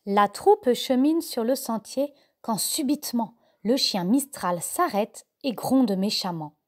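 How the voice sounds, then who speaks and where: A mother reading a children's story aloud in a slow, expressive storybook manner. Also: a little high. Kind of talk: storybook narration.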